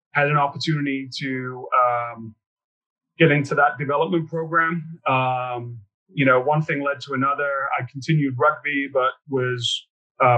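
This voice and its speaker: A man from near chats as a podcast guest, relaxed and dotted with ums and uhs. His voice is bright and forceful. The audio sounds a little dull and lo-fi. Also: medium pitch. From England, near Liverpool. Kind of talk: casual interview chat.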